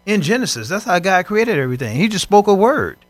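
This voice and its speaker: A man co-hosting a faith broadcast, preaching in animated conversation and acting out voices from scripture stories. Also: high voice, quick pace, dry recording, faint music behind.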